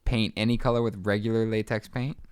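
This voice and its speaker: Man, lowish smooth voice, dry close mic, upbeat podcast host reading an ad. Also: little pitch movement, brisk, no room sound. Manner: upbeat ad reads and short reactions. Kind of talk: casual chat and read ad.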